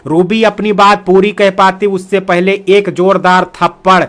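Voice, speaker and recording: A man narrates a scripted audio story, steady and dramatic. His voice sits notably high for a man. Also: a little slow.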